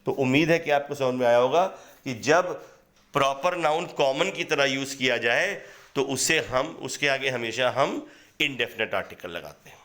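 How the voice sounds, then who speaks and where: A man's voice: mid-range voice, sharp tone. A man teaching English grammar from slides, explaining step by step, asking questions and answering them himself, with an Indian accent on the English example sentences. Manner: reads English example sentences slowly and deliberately. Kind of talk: slide-based grammar lesson.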